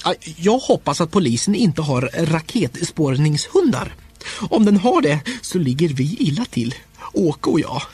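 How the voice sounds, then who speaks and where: Husky guy reading a funny kids' diary book, pretty high voice, playful. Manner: playful, expressive, comic timing. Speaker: audiobook narrator. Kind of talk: scripted first-person diary narration.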